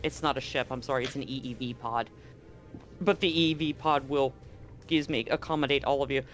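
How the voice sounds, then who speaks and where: A game master runs a tabletop sci-fi roleplaying game, explaining the rules conversationally and narrating scenes with some drama. He speaks a little fast in a steady, mid-range voice. Soft music plays faintly beneath him.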